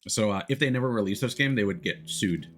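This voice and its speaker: Faint music sits behind this VTuber as he talks casually while streaming a game, alternating between musing to himself and welcoming viewers. He has a lowish, fairly bright voice, lively intonation, and a fast delivery.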